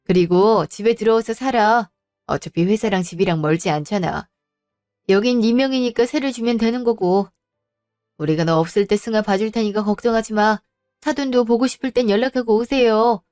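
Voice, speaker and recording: A woman's voice: on the high side, normal speed, darkish tone, no room sound, clean studio sound, soft background music, lightly acted. A woman voicing an older mother who speaks sternly and practically to her daughter and protects her. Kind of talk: storybook voice acting.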